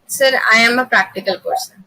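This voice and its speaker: A woman's voice: on the high side, fairly quick, sharp tone, low-quality recording. A young woman with an Indian accent answering as a job interview candidate, formal and deferential. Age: young adult.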